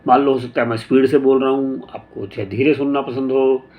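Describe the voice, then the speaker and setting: A man giving a casual motivational talk, unhurried, thinking aloud with pauses and restarts and mixing in English phrases. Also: mid-range voice, little pitch movement, narrow, tinny audio. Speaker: motivational speaker.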